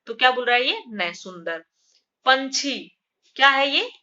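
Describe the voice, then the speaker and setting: Bright-voiced woman teaching Hindi grammar. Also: high voice, sing-song, measured pace, lo-fi sound. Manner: asks questions and answers them herself, repeats key terms. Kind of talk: classroom-style lesson.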